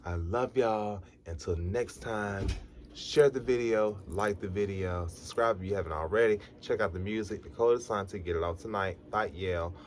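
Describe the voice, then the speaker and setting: A man's voice: on the low side, slight background noise. A tired, sleepy man vlogging a casual, rambling recap of a TV episode. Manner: chatty, rambling storyteller.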